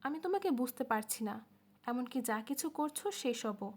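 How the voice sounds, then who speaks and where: Woman voicing a brooding young man, blunt, probing, fairly high voice. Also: lively intonation, normal speed. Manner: blunt questioning.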